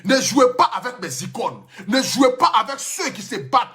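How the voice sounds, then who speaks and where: A man's voice: extremely high pitch, big pitch swings, normal speed, fairly bright tone. Impassioned Ivorian man ranting live. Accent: Ivorian French. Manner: impassioned, emphatic, repetitive. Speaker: social media personality. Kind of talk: live stream rant.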